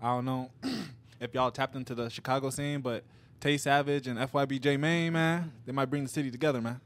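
A young man in his twenties co-hosts a group podcast, teasing and easygoing. His voice sits at a middling pitch, with nothing unusual in its tone. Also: fairly even intonation, fairly quick. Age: 20s. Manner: teasing, brings up news items. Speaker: podcast co-host. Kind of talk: casual chat.

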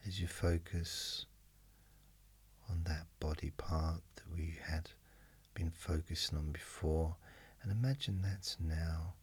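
A male hypnotist speaks in an extremely deep, breathy voice with very little rise or fall. His guided hypnosis is mesmerizing and unhurried, hushed almost to a whisper and spaced with long pauses. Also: fairly even intonation. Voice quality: very deep, breathy, husky, often near whisper. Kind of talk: slow guided hypnosis narration.

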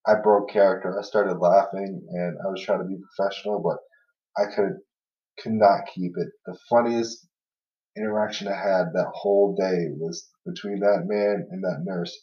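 A man's voice: deep voice, fairly even intonation, moderate pace. A young man casually telling funny stories on a podcast, rambling with lots of fillers and laughing through them. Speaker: podcast co-host. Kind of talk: casual storytelling chat. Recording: roomy, distant, dull lo-fi sound.

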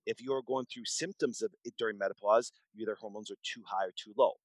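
In a podcast interview, a doctor in his 40s shares stories in a fast, fairly low voice with fairly even intonation. He's emphatic and repetitive, frequently starting his sentences over, and the low-quality recording has no room sound.

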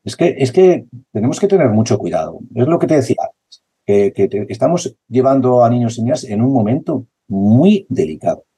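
Man, basketball coach, passionate and insistent, very mellow tone. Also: medium pitch, sing-song, fairly quick, slightly rough. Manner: passionate, repetitive, acts out dialogue. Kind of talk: conversational interview.

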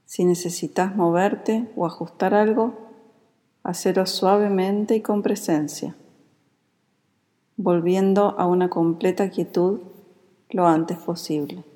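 The recording has a long, reverberant echo resembling a hall. In it, a yoga nidra guide, a woman with a lowish voice and a Rioplatense Spanish accent, leads the meditation in an unhurried, calm and soothing way.

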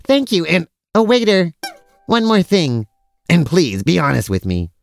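A man's voice: sits high, huge pitch swings, unhurried, vocal fry, faint music behind, exaggerated voice. A man playing a cheerfully oblivious, food-loving brother who is vain about his mustache, in a comic audio drama. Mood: vain, pleased. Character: mustache-proud, food-loving, easily distracted silly brother.

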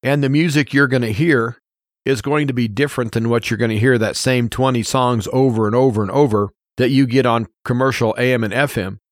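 An American man hosts a radio show, talking informally and offering his opinions in an earnest, plain-spoken way, often repeating points for emphasis. His mid-range voice has fairly even intonation and a slightly fast pace. The recording is dry and studio-clean.

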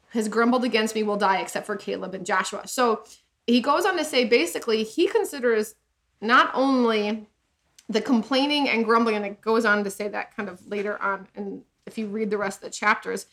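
A woman on a podcast tells a story in a casual, lively way, slipping into voices for the people in it. Her voice sits fairly high. She talks in a relaxed chat style. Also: normal speed. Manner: animated storyteller, acts out voices in retelling. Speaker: podcast co-host.

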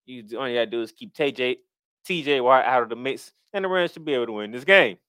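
A man's voice: mid-range voice, fast talker, a bit bright, clear, resonant tone, dry recording, clean studio sound. Disgruntled man hosting a sports show. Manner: disgruntled, complaining, emphatic with dropping asides. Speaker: sports podcast host. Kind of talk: fan sports talk. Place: podcast recorded in Florida.

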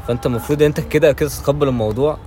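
A man's voice: fairly high pitch, racing, warm tone, slight background noise. A 21-year-old man with an Egyptian Arabic accent, a guest in a casual podcast chat, earnestly talking through his views at length.

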